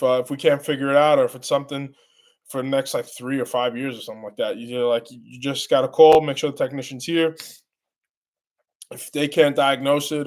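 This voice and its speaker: A man hosts a casual live stream with a congested, stuffy voice at an ordinary middle pitch. He rambles in halting bursts and often trips over his own words before starting the sentence again. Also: a little mellow. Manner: rambling, halting, many restarts. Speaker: channel host answering live chat.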